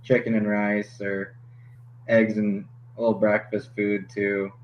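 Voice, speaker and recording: A young man, a hockey goalie guest on a podcast, chatting casually and laughing often, with halting restarts. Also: on the low side, flat delivery. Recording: slightly dull podcast audio with faint noise.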